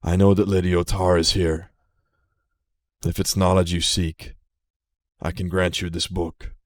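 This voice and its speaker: A man's voice: low voice, flat delivery, no room sound. Man playing an ancient gold dragon, Aragold. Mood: solemn. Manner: slow, solemn pronouncements. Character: ancient male gold dragon, grave and protective.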